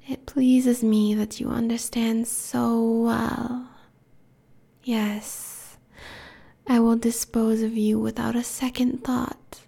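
A woman voicing a cruel, domineering immortal queen in a hushed, breathy whisper, slow and menacing. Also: on the high side, heavily acted. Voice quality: breathy whisper with gravelly fry. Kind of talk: whispered audio roleplay.

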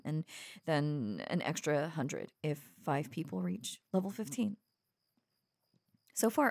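A young woman voicing an obsessive young streamer who speaks softly and coaxingly to the listener, with nervous giggles. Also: low-pitched, gravelly, dry recording, studio quality, full character voice. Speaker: voice actor in an audio roleplay. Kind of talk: audio roleplay addressed to the listener.

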